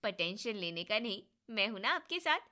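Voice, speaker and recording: A woman's voice: mid-range voice, sing-song, fairly quick. Woman doing a cheeky, bubbly young girl. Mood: affectionate. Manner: loud, playful and bossy. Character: cheeky, bubbly young sister-in-law, protective.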